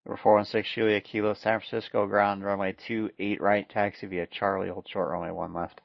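A man gives air traffic control instructions in clipped, procedural phrases. His delivery is very even, with a gravelly fry in the voice. It comes over a dull, lo-fi radio. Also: on the low side, fairly quick, dry recording.

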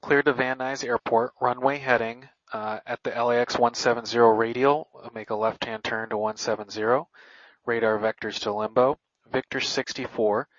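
A man speaking as a pilot on the radio in a hesitant, halting way, with dull lo-fi audio. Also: medium pitch, little pitch movement, no room sound.

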